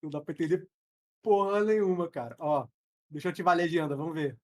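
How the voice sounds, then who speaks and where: A slightly mellow, rather high male voice comes through a headset at a fast clip, carrying a Brazilian Portuguese accent. The man is teaching English in an easygoing live online session, joking and slinging slang.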